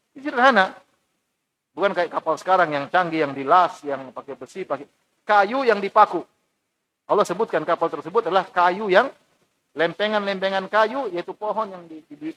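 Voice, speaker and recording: A male preacher at a mosque giving a Quran commentary lesson, animated, acting out mocking townsfolk in lively asides. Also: sits high, poor audio. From Indonesia. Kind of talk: mosque study sermon.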